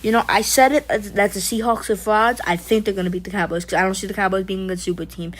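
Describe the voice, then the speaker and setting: A woman's voice: mid-range voice, steady tone, fast, rough recording. A woman hosting a casual live stream, joking around, rambling loosely and calling out to viewers by name. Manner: playful, jokey, talks to chat by name; loose and rambling, frequent fillers and restarts. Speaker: livestream host.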